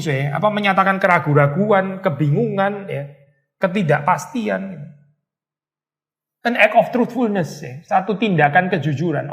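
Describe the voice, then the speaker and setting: A male pastor teaching a Bible study in a conversational, animated way, mixing in English words and acting out short scolding quotes. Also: high voice.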